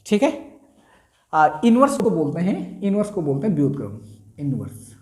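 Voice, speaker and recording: Male maths tutor, animated delivery, drills terms by repetition, echoey room. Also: a little high. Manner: repeats key terms slowly, quizzing himself aloud. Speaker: maths teacher. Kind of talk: classroom lesson at a board. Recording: roomy echo.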